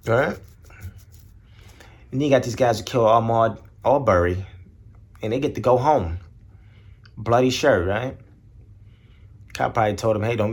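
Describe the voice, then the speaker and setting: A man hosting his podcast alone, ranting bluntly with lots of profanity and rambling asides. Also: slightly rough. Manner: blunt, profane, rambling, mimics others in high voices. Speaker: podcast host. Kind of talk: solo casual rant.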